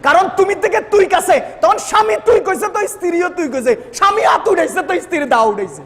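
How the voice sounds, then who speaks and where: Guy preaching, super high voice, keeps asking the crowd stuff, big echoey hall. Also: animated, fairly quick, fairly bright tone, slight background noise. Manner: questions the audience and acts out quoted exchanges. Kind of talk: Bengali waz sermon.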